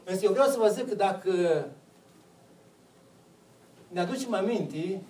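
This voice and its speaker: A man's voice: high voice, animated, warm tone, reverberant, far from the mic, rough recording. A man preaching a sermon, putting questions to the congregation and answering them himself.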